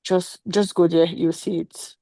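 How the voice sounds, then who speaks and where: Woman, low gravelly voice, mellow tone, dry video call sound, casual advice. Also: flat delivery, unhurried, no room sound. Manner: chatty, informal, lots of "like" and "just". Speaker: webinar speaker and past program participant.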